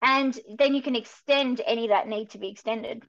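Woman dog trainer guest, really high voice, muffled lo-fi call sound. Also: steady tone, gravelly. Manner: eager and affirming, quick agreements. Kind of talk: casual conversational chat.

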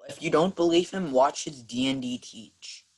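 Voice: mid-range voice, normal speed, low-quality recording. Tabletop player just chatting, jokey, wisecracks at the game master. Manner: joking, wisecracking. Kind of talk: casual chat.

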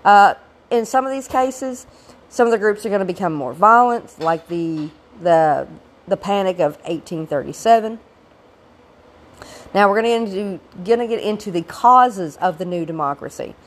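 Still gravelly from a cold, a woman with an expressive mid-range voice talks at a normal speed through an informal, recorded history lecture, offering explanatory asides as the teacher.

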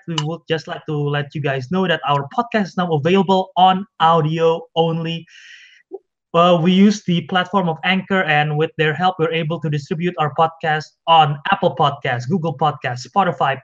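A chatty young man hosts a casual podcast with a high, light voice. The sound is dull and lo-fi, like a call recording. He laughs easily between points. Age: young adult. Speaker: podcast host. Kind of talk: casual chat.

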